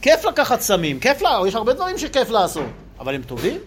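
A man giving an animated Torah lecture, asking rhetorical questions and acting out quoted voices for his listeners. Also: very high-pitched, a little hiss or hum. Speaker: religious teacher.

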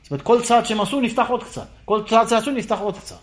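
A man teaching a lively Torah class, firing rhetorical questions and acting out the dialogue. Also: very high-pitched.

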